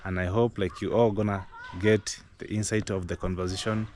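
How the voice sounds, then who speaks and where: A young Kenyan man hosts a casual vlog outdoors in a village compound, chatty and upbeat, repeating his phrases. His lowish, darkish voice is fairly quick but flat in delivery. The audio is noisy, captured on an action camera with no mic.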